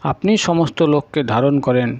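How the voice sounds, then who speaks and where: A man reciting a scripture tale in slow, solemn narration, listing sacred names one by one. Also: mid-range voice, a little mellow, no echo, highs cut off. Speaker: storyteller.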